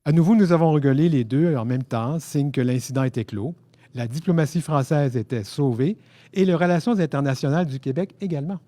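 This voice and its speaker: A man from Quebec with a Québécois French accent, reading his own first-person story aloud at a book fair in a lively, self-mocking, theatrical way. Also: a little high, fairly quick, dry recording. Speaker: author reading his novel.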